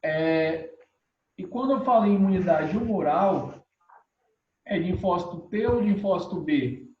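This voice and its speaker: A man's voice: high-pitched, animated, measured pace. A male professor giving an online lecture over a choppy, breaking-up video call, asking the class questions and checking in often. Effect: choppy, breaking-up video call audio. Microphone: computer mic on a video call. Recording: roomy, dull video call audio.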